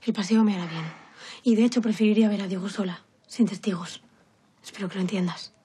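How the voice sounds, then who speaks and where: An actress playing an anxious, determined young lady in a period TV drama, with a Castilian accent and a breathy, formal, pleading delivery. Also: medium pitch, fairly even intonation, quick pace, warm tone, a little hiss or hum, lightly acted. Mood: gently insistent. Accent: Castilian Spanish. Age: young adult.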